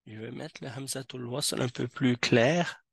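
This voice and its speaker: A man teaching Arabic grammar to a class, explaining slowly with frequent hesitations. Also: medium pitch, fairly even intonation, vocal fry, husky, dry recording. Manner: slow, hesitant explaining with many fillers. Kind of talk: classroom lesson. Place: mosque classroom.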